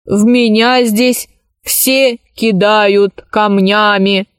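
A woman reading a children's story aloud, voicing a stubborn, literal-minded ship's service robot in a slow, measured way. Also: medium pitch, steady tone, clean tone, no room sound, studio quality. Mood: mournful.

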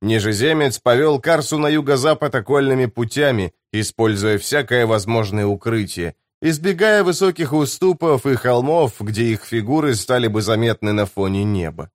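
A man narrating a fantasy audiobook in a steady, even storytelling manner. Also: fairly low pitch, dry recording, studio quality.

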